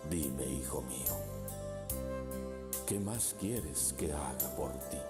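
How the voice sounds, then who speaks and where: Brief: God figure, extremely deep, very slow, echoey, loud music under. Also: male voice, animated, exaggerated voice. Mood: solemn. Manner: slow, grave, reproachful. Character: God addressing his child, deep and solemn.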